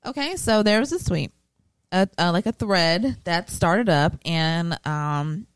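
A woman co-hosting a podcast, telling stories in an animated, chatty way with laughs and casual swearing. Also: lowish voice, slow, clear, resonant tone, dry recording. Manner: animated, chatty storyteller with frequent laughs and profanity. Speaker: podcast co-host. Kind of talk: casual chat.

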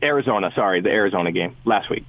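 A man's voice: lowish voice, lively intonation, rapid-fire. A man calling in as a sports radio guest, talking in a casual, rambling way with lots of restarts and small chuckles. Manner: rambling, restarts often, chuckles between thoughts. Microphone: phone call. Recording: tinny phone line.

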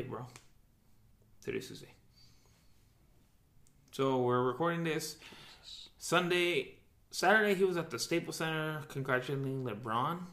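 A man's voice: medium pitch, a bit bright. A man hosting a casual, sweary podcast, his mouth numb from the dentist after a root canal. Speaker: podcast host. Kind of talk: casual podcast chat, profane. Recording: roomy, echoing room sound.

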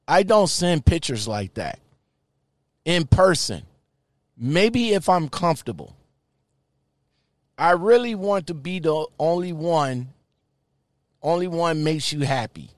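Guy reading stuff out loud real slow, slangy casual commentary, dry close sound. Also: a little high, lively intonation, no room sound. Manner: informal, slangy, halting read-aloud. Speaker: online commentator. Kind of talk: reading chat messages aloud with casual reaction commentary.

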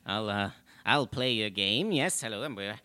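A man voicing a tiny, crude male forest gnome with a sly, deadpan manner. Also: lowish voice, normal speed, clear, resonant tone, no room sound. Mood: cheeky. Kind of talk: improvised comedy podcast bit.

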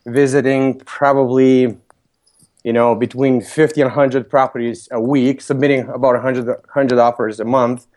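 Lithuanian man in his thirties, mid-pitched, plain businesslike interview guest. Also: darkish tone. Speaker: podcast guest, real estate broker. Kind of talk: interview answers.

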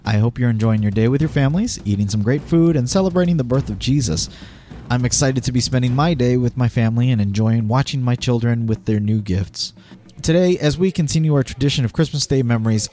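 A man's voice: mid-range voice, dark tone. A man hosting a podcast, reading a scripted introduction to the listener. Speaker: podcast host. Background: music.

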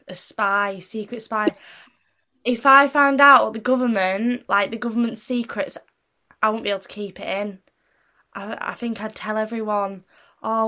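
A woman's voice: fairly high pitch, fairly bright tone. Giggly chatty teenage girl. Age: teens. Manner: giggly, chatty, rambling with many fillers. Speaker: interview guest, young singer. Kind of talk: casual interview chat.

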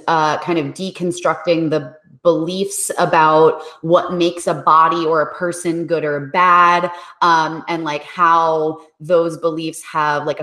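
Low-pitched woman host, relaxed and reflective, echoey room. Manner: relaxed, thinks aloud with fillers, reflective. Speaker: podcast host. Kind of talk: casual interview conversation.

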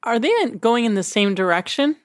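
A woman's voice: a little high, expressive, a little fast. A woman talking casually as a player in a tabletop game.

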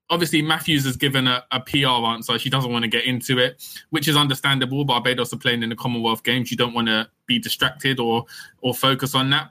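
A man co-hosting a casual cricket podcast, talking in a measured, explanatory way. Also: medium pitch, sharp tone. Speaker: podcast co-host.

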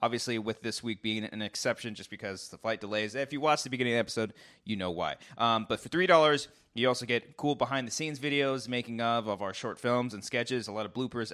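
A man's voice: mid-range voice, fairly bright tone. A man hosting a podcast, running through show plugs in a rambling, casual way with lots of filler words, recorded in a hotel room. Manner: rambling, filler-heavy, laughs easily. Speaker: podcast host. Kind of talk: casual chat, housekeeping plugs.

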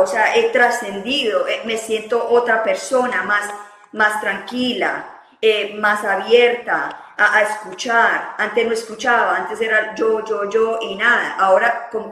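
A woman's voice: medium pitch, steady tone, a little slow, sharp tone, roomy sound, low-quality recording. A woman hosting a podcast, speaking candidly and reflectively in casual conversation, often repeating words as she gathers her thoughts. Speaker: podcast host.

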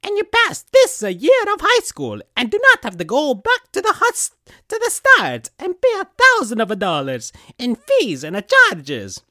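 A man voicing a male school principal in a put-on cartoon Italian accent, strained and hoarse. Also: wildly swooping pitch, moderate pace, bright, forceful tone, no room sound, clean studio sound, full character voice. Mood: earnest praise. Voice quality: strained high nasal put-on voice. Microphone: big studio mic.

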